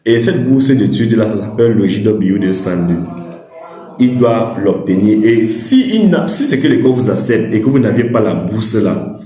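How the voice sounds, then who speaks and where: Male vlogger, rambling advice monologue, dark tone, echoey room. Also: fairly low pitch, expressive, normal speed. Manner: rambling, many restarts and fillers, laughs at himself. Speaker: YouTuber advising on study in China. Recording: roomy echo.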